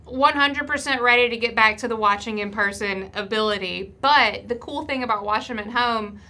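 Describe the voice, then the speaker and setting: A woman's voice: a little high, a little fast, bright, forceful tone. A woman guest on a live stream, chatting with enthusiasm about voting data, with many fillers. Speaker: festival vote counter and guest. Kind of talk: casual live-stream chat.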